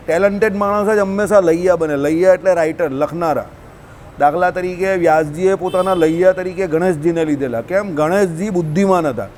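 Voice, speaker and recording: Gujarati guy explaining scripture to a group, kinda high voice, keeps asking if they get it, faint hiss. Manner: conversational, asks listeners questions often. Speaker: religious discourse teacher. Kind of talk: informal scripture talk to a group.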